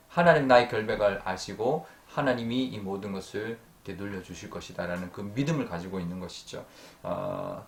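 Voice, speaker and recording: A male pastor giving an earnest early-morning sermon. He fills his pauses with drawn-out sounds and lets sentence ends fade softly. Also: fairly low pitch, roomy sound. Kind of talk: dawn prayer sermon. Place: church sanctuary.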